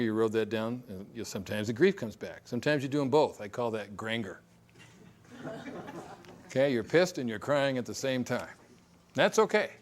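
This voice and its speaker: A middle-aged man presenting a divorce recovery seminar in a conversational way, with joking asides and acted-out examples. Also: mid-range voice. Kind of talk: recorded seminar talk.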